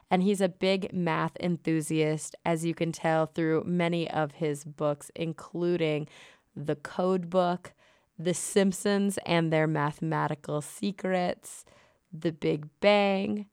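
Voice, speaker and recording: Woman podcast host, lower voice, slightly under the weather, brisk and upbeat, dry close sound. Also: clear, resonant tone, dry recording. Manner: brisk and upbeat, quick asides. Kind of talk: podcast intro and interview. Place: at a conference venue.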